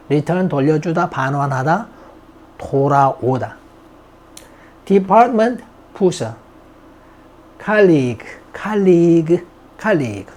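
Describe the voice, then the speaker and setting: A man's voice: a little high, a little mellow. A man teaching English vocabulary, reading each word aloud, repeating it and explaining it. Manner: reads English words aloud, repeats them, then glosses them in Korean. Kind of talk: recorded vocabulary lesson.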